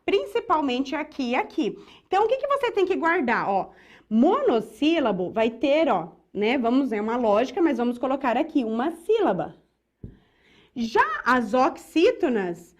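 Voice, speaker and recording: A Brazilian woman teacher giving an exam-prep grammar lesson, explaining step by step and checking in with her students often. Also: high voice. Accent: Brazilian Portuguese.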